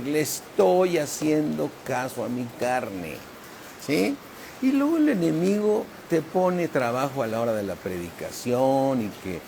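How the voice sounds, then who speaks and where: A man's voice: mid-range voice, gravelly, a little mellow, slight background noise. A man preaching a sermon as pastor, emphatic and often asking "¿sí?" of the congregation. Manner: slow, emphatic preaching with frequent "¿sí?" checks.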